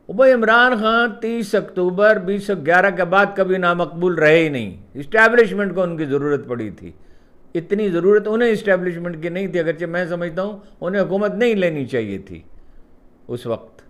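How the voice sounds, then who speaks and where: A man with a notably high voice holds forth in a political commentary monologue. He talks emphatically and circles back to hammer his points home. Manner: emphatic, repeats points for stress.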